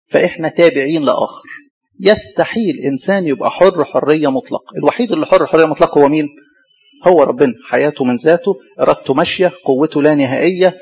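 A man with an Egyptian Arabic accent preaches at a rapid clip, firing rhetorical questions and answering them himself. His voice is husky and sits a little high for a man. The recording is dull and lo-fi. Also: darkish tone. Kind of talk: sermon.

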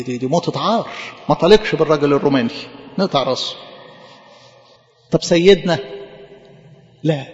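A man's voice: sits high, a little mellow, reverberant, big-room sound, lo-fi sound. A man with an Egyptian Arabic accent preaching a sermon, asking rhetorical questions and repeating words for emphasis.

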